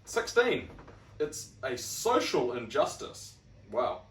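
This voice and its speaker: A man's voice: mid-range voice, wildly swooping pitch, takes it slowly, fairly bright tone, a little hiss or hum. A young man with a New Zealand accent co-hosting a podcast, reading out points and picking them apart in a chatty, wry way. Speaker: podcast co-host. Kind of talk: casual chat. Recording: roomy room, mic at a distance.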